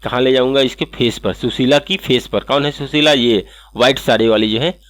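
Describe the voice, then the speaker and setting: A man hosting an animation software tutorial, walking through each step and checking in with "okay" again and again. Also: mid-range voice, normal speed, no echo. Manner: step-by-step, repeats "ठीक है" often. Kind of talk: screen-recorded software tutorial.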